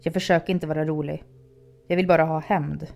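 A woman's voice: low-pitched, fairly even intonation, creaky, a little mellow. A woman voicing a hostile, vengeful teenage boy who speaks in a cold, taunting, threatening way. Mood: menacing.

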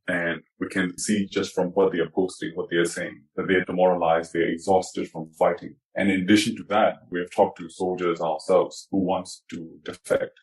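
A man's voice run through a disguising filter that drops it very low and deep. He answers an interviewer's questions in a steady, measured, explanatory way, laying out his points one by one. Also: low-quality recording. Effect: voice altered to disguise identity, pitched down. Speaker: activist interviewee.

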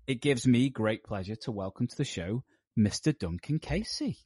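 A man's voice: mid-range voice, expressive, normal speed, warm tone, slightly rough, no echo. A man hosting a podcast, introducing a guest in a playful, somewhat formal welcoming way. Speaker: podcast host. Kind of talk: casual chat.

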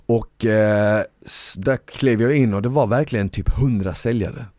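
A man's voice: lowish voice, a little mellow, no echo. A man hosting a podcast in a studio, chatting eagerly with many fillers and restarts. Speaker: podcast host. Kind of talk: casual chat.

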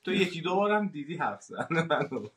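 A man's voice: a little high, sing-song, fairly bright tone, a little hiss or hum. A man from Iran hosting a podcast, asking questions casually with hesitant fillers and laughing along. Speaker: podcast host.

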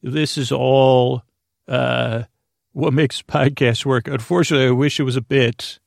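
In a steady tone, a man with a gravelly, creaky voice hosts a bedtime podcast recorded close and dry, with no room sound. His meandering monologue comes in halting phrases, with frequent stammers and self-corrections that interrupt his own flow. The delivery stays droning and low-stakes.

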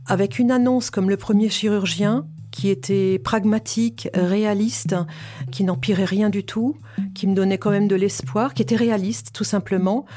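Soft music plays behind a woman in her fifties as she earnestly and openly tells her story of cancer as a patient. Her voice is medium in pitch, warm and steady, and she speaks at a moderate pace.

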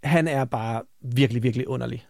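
A man's voice: medium pitch, gravelly, no room sound, studio quality. A man in casual podcast chat, giving opinionated commentary on reality TV and often ending sentences with tag questions.

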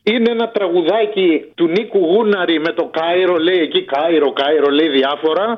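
A man's voice: high voice, dull audio. A man calling a radio show with a casual, rambling request. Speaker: radio caller.

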